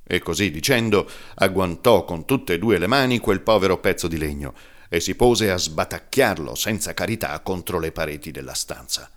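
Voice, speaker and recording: A man narrating an audiobook with expressive storytelling. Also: low-pitched, normal speed. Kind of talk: scripted narration.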